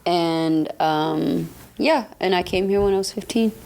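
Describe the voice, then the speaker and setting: A woman in her thirties, raised in Germany, talks easily with a fairly low voice. She laughs often and grows lively and bright when telling a story. The talk is relaxed and conversational. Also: unhurried, vocal fry. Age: 30s. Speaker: guest barber. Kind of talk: casual chat.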